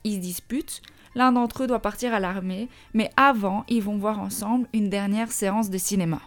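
A woman's voice: medium pitch, fairly even intonation, normal speed. A woman with a Belgian French accent hosting a music-history podcast, reading a script and adding chatty, joking asides. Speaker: podcast host.

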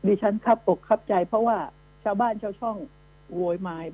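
A woman's voice: mid-range voice, steady tone, a little fast. A woman hosting a radio news commentary show, scolding and emphatic, firing rhetorical questions at her listeners. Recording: narrow phone-like radio line with mains hum.

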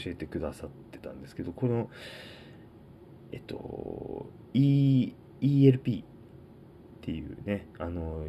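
A man with a low, mellow voice talks casually on his own, working through a list and rambling about each item with lots of hesitations. Faint hiss sits under the recording. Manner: rambling, filler-heavy, reads out list items. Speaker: podcast host. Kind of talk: casual solo talk.

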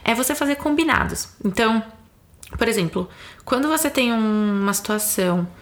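A young Brazilian woman with a fairly high voice talks through parenting as a mother, thoughtful and unhurried. She keeps slipping into the soft lines she says to her little child. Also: lively intonation. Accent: Brazilian Portuguese. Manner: thoughtful, explains with examples, acts out things said to a child. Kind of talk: casual chat.

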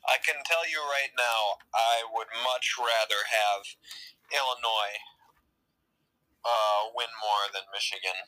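A man's voice: on the low side, steady tone, takes it slowly, bright, forceful tone, low-quality recording. A man co-hosting a sports podcast, giving blunt, opinionated takes in casual chat. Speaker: podcast co-host.

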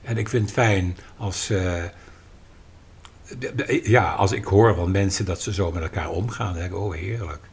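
A man's voice: low voice, moderate pace, vocal fry, breathy edge. A man talking on a podcast, explaining his views with emphasis and acting out little quoted dialogues. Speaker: podcast guest and writer. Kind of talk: conversational podcast talk.

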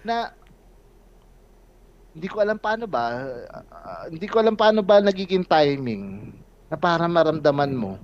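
Young man, higher voice, storytelling, casual chat, dull lo-fi recording. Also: very animated, moderate pace, long pauses. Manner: storytelling, laughing, swears freely. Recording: dull lo-fi sound.

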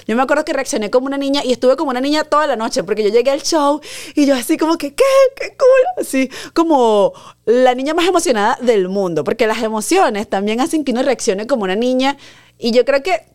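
A woman hosting a podcast, telling a personal story in a casual, animated way and acting out the quoted voices. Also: quick pace. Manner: animated, acts out quoted voices, dramatic pitch jumps. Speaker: podcast host.

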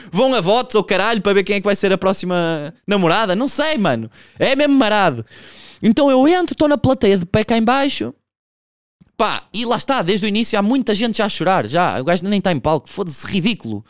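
A man's voice: sits high, brisk, dry recording. Young guy doing standup, swears a lot, voice all over the place, dry mic. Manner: casual, profane, animated storytelling with vocal impressions. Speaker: stand-up comedian. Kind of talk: stand-up comedy monologue.

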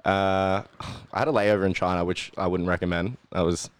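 Laid-back deep Australian young man. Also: fairly even intonation, fairly quick, clear, resonant tone, no room sound. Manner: laid-back, rambling with fillers and swearing. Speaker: guest. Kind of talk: casual chat.

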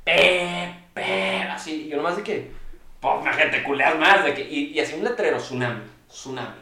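A young man with a Mexican accent, telling a story as a guest in casual podcast chat, animated and full of slang. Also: on the high side, a little fast, roomy sound. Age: young adult.

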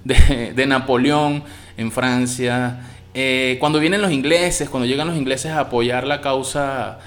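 A man's voice: mid-range voice, fairly even intonation, measured pace. A man with a Venezuelan accent talks through a series review in a loose, chatty way. He drops slang freely and sounds keen on what he liked, often trailing off and restarting words mid-thought. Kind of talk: casual spoken review.

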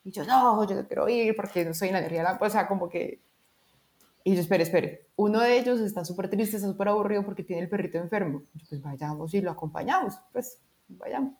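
A woman tells a story in a relaxed, chatty way. She slips into little voices for the people she quotes and fills her talk with casual fillers. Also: medium pitch, fast talker. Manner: animated, acts out quoted dialogue, frequent fillers. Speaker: guest sharing a personal story.

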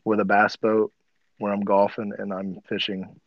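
A man's voice: fairly low pitch, monotone, normal speed, no echo, lo-fi sound. A man in his mid-thirties co-hosting a podcast, laid-back and chatty, who keeps saying "dude" and gets worked up when teased. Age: 30s. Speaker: podcast co-host. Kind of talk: casual chat.

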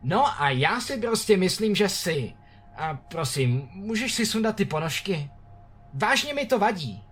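A man's voice: high voice, very animated, fairly bright tone, breathy edge, faint music behind, voice pushed up, full character voice. A man voicing a panicky, superstitious young boyfriend in frantic, pleading outbursts.

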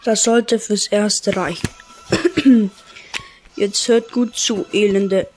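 A woman reading out a gloating male dark lord villain in a video game, with a whispery, drawn-out delivery. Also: mid-range voice, steady tone, natural voice. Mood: menacing. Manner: whispery, drawn-out evil laugh.

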